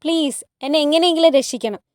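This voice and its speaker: A fiery young woman who fights back and begs by turns, as a woman storyteller puts her on. Her voice sits high and sounds close and dry, as in a storybook read-aloud. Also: fast talker, no room sound, close to an everyday voice. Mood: pleading. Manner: pleading and defiant.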